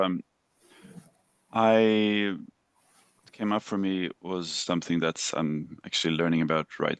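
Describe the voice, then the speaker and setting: A man taking part in an online group meeting, sharing a personal lesson in a thoughtful, measured way. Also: deep voice, smooth, dry recording. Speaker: participant.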